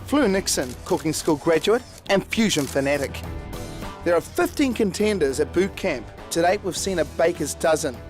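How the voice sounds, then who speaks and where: A man's voice: on the high side, expressive, normal speed, faint music behind. A man with a New Zealand accent, a head chef and host delivering scripted television narration.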